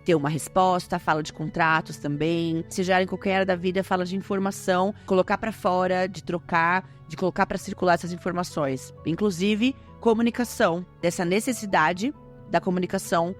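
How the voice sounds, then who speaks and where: A woman with a Brazilian Portuguese accent talks to her listeners in a casual podcast monologue. Her voice sits fairly low, her manner is chatty and lively, and faint music plays underneath. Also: a little fast. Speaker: podcast host.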